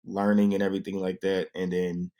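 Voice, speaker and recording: A man in his thirties co-hosting a podcast, telling stories in a relaxed, casual way with plenty of fillers. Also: sits low, brisk. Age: 30s. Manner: relaxed storytelling, many fillers. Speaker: podcast co-host. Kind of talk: casual chat.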